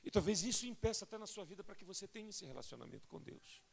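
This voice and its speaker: A Brazilian man preaching a fervent sermon as a pastor, swelling from soft to loud and often calling listeners "querido". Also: high-pitched, animated, racing, gravelly, breathy edge. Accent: Brazilian Portuguese. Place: large church sanctuary. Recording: long hall reverb in church.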